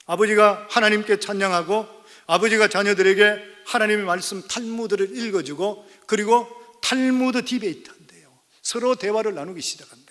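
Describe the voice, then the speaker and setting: A man's voice: high-pitched, fairly bright tone. A man in his fifties, a senior pastor, preaching a sermon, telling a story and then urging the congregation emphatically. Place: church sanctuary. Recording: church hall reverb.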